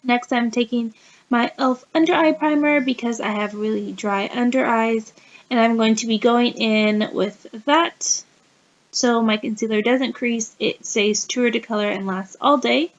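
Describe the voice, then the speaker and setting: A woman's voice: fairly high pitch, measured pace. A woman with a sick-sounding voice, chatting through a casual makeup tutorial as a beauty vlogger and laughing often mid-sentence. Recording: dull, slightly muffled lo-fi recording.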